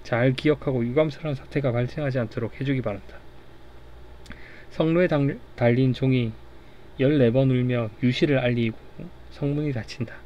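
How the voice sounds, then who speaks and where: A man reads a comic aloud in an easygoing manner, pausing and restarting over a word now and then. His voice sits at an ordinary middle pitch. The recording sounds a bit dull and lo-fi. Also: fairly even intonation, a little hiss or hum. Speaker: storyteller. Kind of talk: casual read-aloud of a comic for sleep.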